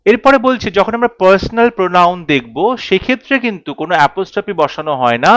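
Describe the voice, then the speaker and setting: High-voiced man teaching grammar. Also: very animated, fast, fairly bright tone, smooth, no room sound. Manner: explains step by step, repeats key rules, asks students questions. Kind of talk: classroom grammar lesson.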